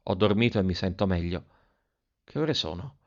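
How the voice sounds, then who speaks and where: A man narrating a first-person story in an expressive reading voice, acting out the quoted lines. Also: low voice, moderate pace, muffled recording. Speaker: audiobook narrator.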